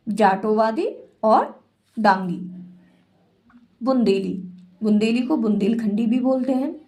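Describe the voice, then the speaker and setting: A woman teaching a Hindi literature class, reading out long lists in a slow, measured way. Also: on the high side, darkish tone. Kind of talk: lecture reading out lists of dialects.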